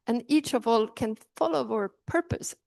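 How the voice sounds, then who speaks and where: A woman's voice: on the high side, moderate pace, vocal fry, a little mellow, no echo. A middle-aged woman from Norway with a Norwegian accent, giving an earnest talk and often restarting her sentences. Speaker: speaker on inclusion. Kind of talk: talk to an audience.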